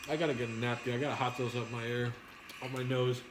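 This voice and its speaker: A man's voice: mid-range voice, steady tone, fast. A man hosting a livestream, chatting casually in a rambling, playful way with some swearing. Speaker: host of a livestream mukbang. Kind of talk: casual chat while eating pizza, reading viewer comments. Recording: echoey room with background noise.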